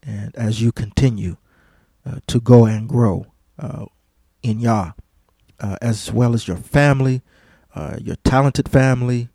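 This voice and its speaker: A man hosting a radio show, giving a heartfelt, devout on-air tribute, halting often with fillers and repeated words. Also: medium pitch, fairly even intonation, husky, no room sound. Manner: warm, devout and effusive.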